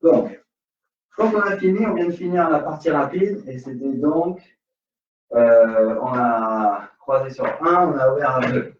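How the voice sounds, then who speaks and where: A man with a French accent teaches an online salsa class from a dance studio, counting beats and singing rhythm syllables. His medium-pitched voice is a little slow, and the recording sounds roomy, distant and dull, with a slight hiss or hum.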